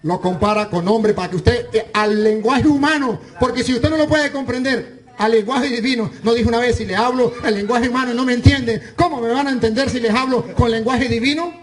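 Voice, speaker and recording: High-voiced priest arguing scripture. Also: male voice, brisk. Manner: insistent, argumentative, reads scripture aloud. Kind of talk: heated religious debate.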